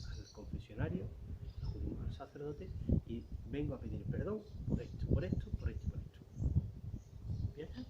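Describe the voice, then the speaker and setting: A man giving a catechism lesson in a conversational way, explaining with everyday examples and frequent rhetorical questions. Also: on the high side. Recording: dull lo-fi recording with loud background noise.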